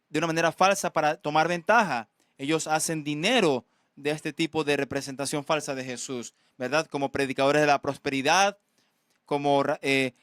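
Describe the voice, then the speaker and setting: Man, pastor, sermon, earnest, halting restarts, fairly high pitch. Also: fairly bright tone, smooth, no echo, clean studio sound. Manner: earnest, asks "¿verdad?" often, halting restarts.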